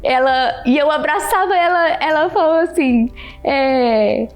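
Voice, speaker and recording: A woman giving a heartfelt personal testimony, animated, repeating her phrases and thanking God. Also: high-pitched, a little slow, faint music behind. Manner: animated, repeats phrases, keeps addressing the listener by name; religious, thanks God openly. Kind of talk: emotional personal storytelling.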